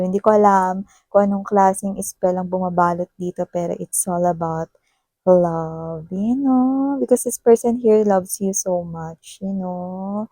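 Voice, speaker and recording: Woman tarot reader, mellow and warm, dry close sound, chatty. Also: dry recording. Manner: chatty, tags sentences with "no?"; acts out a partner's scolding in a higher voice. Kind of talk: casual tarot reading to viewers.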